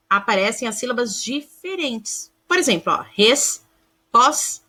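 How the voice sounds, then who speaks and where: A woman's voice: fairly high pitch, sharp tone. A woman, a primary school teacher giving a recorded grammar lesson, sounding words out syllable by syllable and calling her pupils "amores". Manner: affectionate, calls pupils "amores", asks checking questions.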